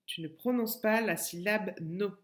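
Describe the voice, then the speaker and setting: A woman's voice: mid-range voice, unhurried. A woman with a French accent, a kindergarten teacher recording a lesson for a child at home and breaking words into syllables patiently.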